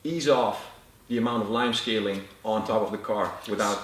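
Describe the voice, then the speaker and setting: Man, product expert, halting technical explainer, off-mic in an echoey room. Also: on the low side, recorded from a distance. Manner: halting, with frequent uh fillers. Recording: roomy echo, off-mic.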